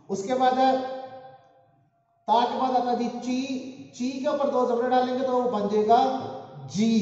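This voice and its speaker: Guy teaching a language class, high voice, drills the sounds, dull lo-fi audio with loads of room echo. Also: warm tone. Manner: coaxing, calls for repeating aloud. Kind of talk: spoken language lesson with drills. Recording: dull echoey room, long reverb.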